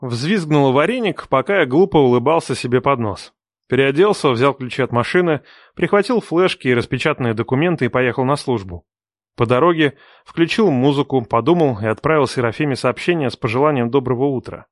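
A man reading a first-person audiobook with a mid-range voice, recorded close and dry. He moves from even, steady narration to curt, forceful dialogue lines. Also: mid-range voice, a little fast, dry recording. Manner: expressive, switching between calm narration and hard, sharp dialogue.

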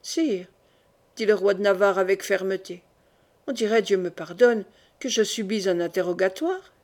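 A woman voicing a proud, quick-witted young king of Navarre who answers with smooth innocence and firm pride, in an audiobook. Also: mid-range voice, a little mellow, lightly acted. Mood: composed.

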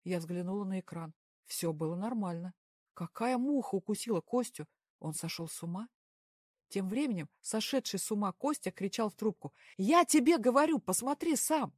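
A woman narrating a first-person story in a calm, even audiobook style. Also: mid-range voice, moderate pace, no echo, studio quality.

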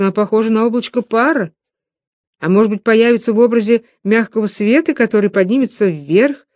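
A woman narrating a novel in a calm, reflective reading voice. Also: mid-range voice, dry recording, clean studio sound. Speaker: audiobook narrator.

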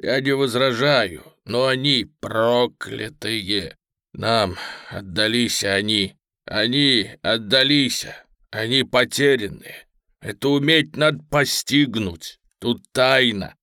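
A grave, burly merchant, as a man reads him, speaking softly and slowly with earnest feeling. The recording is close and dry, with no room around it. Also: mid-range voice, no echo. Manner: quiet, slow, heartfelt.

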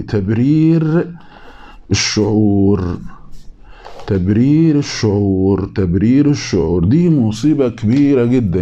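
A man with an Egyptian Arabic accent gives a casual sermon at a brisk clip. His voice is dark and mellow. He plays out imagined voices in lively back-and-forth and drags out key phrases for weight. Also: medium pitch, dull audio. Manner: conversational, acts out imagined people in quick back-and-forth; repeats key phrases slowly for emphasis. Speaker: preacher. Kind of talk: informal religious talk.

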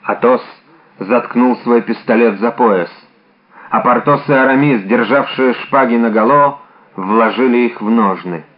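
A man narrating a classic adventure novel in a measured, dramatic way. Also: medium pitch. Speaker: audiobook narrator. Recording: dull lo-fi audiobook recording.

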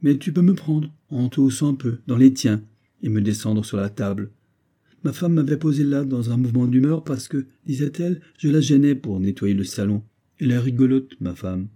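A man's voice: medium pitch, moderate pace, mellow, pitched above the performer's own voice, close to an everyday voice. A man reading aloud, voicing a cheerful talking bust of an old army friend, jovial and teasing.

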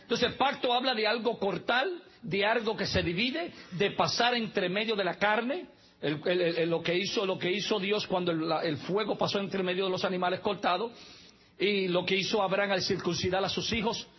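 A male pastor with a high, husky voice delivers a sermon, dropping humorous asides and spelling out words letter by letter. The recording is dull and lo-fi. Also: normal speed.

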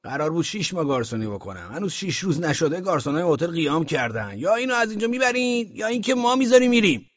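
A man's voice: a little high, expressive, few pauses, dry recording, highs cut off, voice pushed up. A man voicing a boastful, talkative grown man who complains while telling his own story in an audiobook. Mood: aggrieved boasting. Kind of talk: audiobook character reading.

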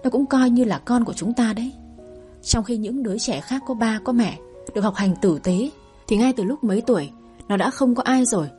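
A woman's voice: on the high side, fairly quick, dark tone, soft background music, natural voice. A woman voicing a stern scolding husband. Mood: reproachful. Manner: reproachful, scolding. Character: angry middle-aged husband, stern father.

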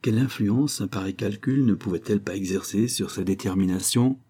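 A male audiobook narrator reads a classic novel with measured, expressive storytelling. His voice sits low and sounds dark and mellow, with a husky edge. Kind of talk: scripted literary narration.

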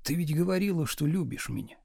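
A man reading an audiobook, voicing a meek, joking young husband who speaks softly and mildly. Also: fairly high pitch, animated, a little fast, vocal fry, slightly rough, dry recording, studio quality, full character voice. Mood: meek, wry. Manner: soft, mild, meek.

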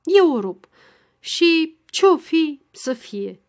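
A woman doing an excitable teenage girl. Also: natural voice. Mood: excited. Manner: high excited exclaiming.

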